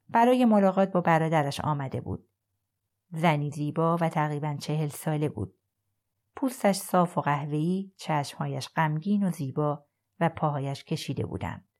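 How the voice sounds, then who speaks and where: A woman narrating a novel chapter for an audiobook podcast in a calm, even storytelling manner. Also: low voice. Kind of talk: scripted narration.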